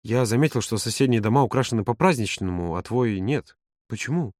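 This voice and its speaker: A man voicing a calm, grumbling grown man in an audiobook, lower and quieter than his narration. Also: a little fast, dry recording, studio quality, lightly acted. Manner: low, quiet, subdued. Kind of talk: audiobook character voice.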